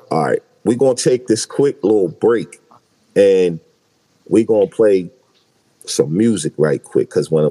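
A man's voice: sits low, mellow, poor audio. A young adult man hosting a podcast in a laid-back, slangy, emphatic way. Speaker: podcast host. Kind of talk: casual chat.

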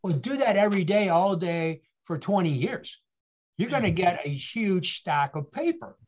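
A man's voice: sits high, animated, normal speed, muffled recording. A man telling his story with earnest motivational emphasis. He asks rhetorical questions and repeats key phrases. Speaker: guest speaker.

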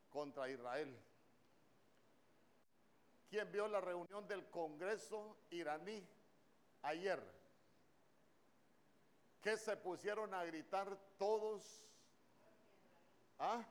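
Fervent male preacher, rising pitch. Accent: Honduran Spanish. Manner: animated, questioning the congregation. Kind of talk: sermon. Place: church.

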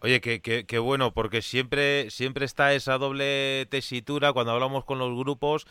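Bright, crisp-voiced radio host. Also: male voice, medium pitch, steady tone, normal speed, no echo. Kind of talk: radio interview.

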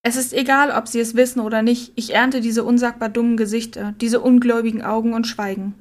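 A woman narrating a story in a quiet, subdued reading voice. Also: on the high side, level tone, fairly quick. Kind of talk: scripted audiobook narration.

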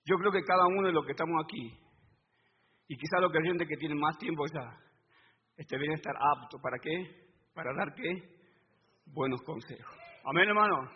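A male preacher giving a sermon, asking his congregation call-and-response questions and swelling to loud emphatic stretches. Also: on the high side, normal speed, long pauses, breathy edge. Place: church hall. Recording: reverberant hall, dull lo-fi sound, faint noise.

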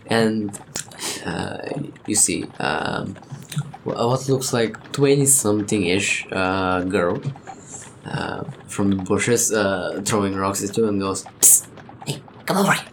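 A man narrating a tabletop game as game master, halting with many fillers, laughing often and swearing casually. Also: fairly low pitch, background noise.

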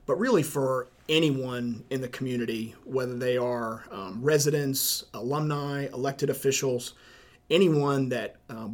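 This is a South Carolina high school principal, middle-aged and from Charleston, being interviewed for a podcast. He answers deliberately in his Southern accent, peppering his speech with ums and uhs.

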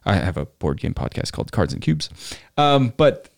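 Lively, animated man hosting a podcast. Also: lowish voice, normal speed, creaky. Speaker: podcast host. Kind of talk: casual chat, presenting trivia and games.

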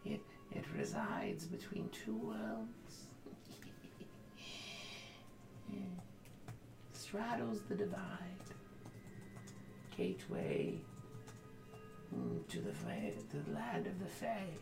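A woman voicing a creepy female fae oracle in whispered role-play, answering slowly and eerily. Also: mid-range voice, huge pitch swings, creaky, over music, pitched above the performer's own voice, exaggerated voice. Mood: eerie. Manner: slow, eerie, whispery. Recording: roomy with background noise.

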